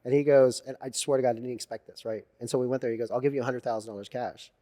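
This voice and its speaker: A man telling animated stories as a guest in a casual interview, swearing freely and acting out what others said. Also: mid-range voice, racing. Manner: animated storyteller, swears freely, acts out quotes. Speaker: podcast guest.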